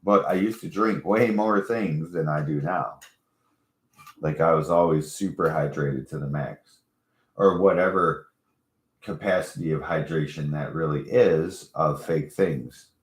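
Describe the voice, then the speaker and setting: A man's voice: rumbling low, unhurried. A man telling stories in a casual, profane stoner chat, acting out quotes as he goes. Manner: laid-back, profane, storytelling with acted-out quotes. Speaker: co-host. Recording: echoey room.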